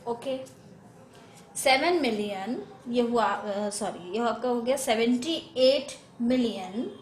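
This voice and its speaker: A woman's voice: on the high side, lively intonation, slow, a little hiss or hum. A woman teaching a math lesson in Hindi, going step by step through place values, often correcting herself and mixing in English number words.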